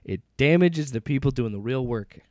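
A man's voice: medium pitch, lively intonation, moderate pace, darkish tone, no echo, clean studio sound. A man co-hosting a podcast, arguing with emphatic profanity and stumbling restarts. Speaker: podcast co-host. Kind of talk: heated casual chat.

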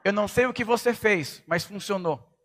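A middle-aged man preaching a sermon as a pastor, emphatic and rising to shouts at his peaks. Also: high-pitched, moderate pace.

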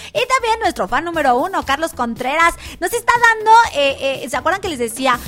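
A woman's voice: high-pitched, very animated, a little fast, music in the background. A woman hosting a children's radio show, chatting casually with frequent fillers and restarts.

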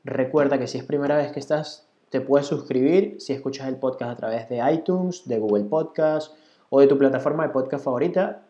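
A man hosting a casual interview podcast, relaxed and friendly, with frequent "eh" and "ok". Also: mid-range voice, fairly quick, highs cut off. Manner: relaxed, friendly, uses filler "eh" and "ok". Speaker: podcast host. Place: Barcelona.

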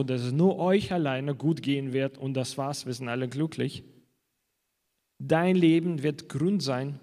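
A man's voice: mid-range voice, warm tone. Preaching man in a reverberant hall. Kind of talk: sermon.

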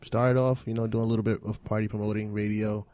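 A man's voice: lowish voice, level tone, fast talker, warm tone. A man hosting a talk show in casual, conversational chat. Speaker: host of a wrestling talk show.

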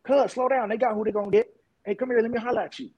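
A man voicing a pushy, friendly street hustler with a high, drawling street manner. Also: fairly even intonation, rapid-fire, breathy edge, lo-fi sound. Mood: coaxing.

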